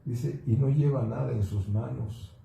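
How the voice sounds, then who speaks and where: Gravelly, dark-voiced man telling a testimony. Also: mid-range voice, unhurried, slight background noise. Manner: earnest retelling that acts out quoted dialogue. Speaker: guest. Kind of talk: testimony storytelling in a church program. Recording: roomy echo with faint ambience.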